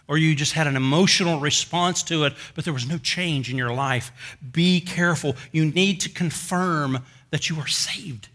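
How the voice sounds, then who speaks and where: A pastor preaching a sermon in a conversational storytelling way, with light self-mocking humor and slow emphasis on key words. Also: male voice, fairly high pitch, bright, forceful tone.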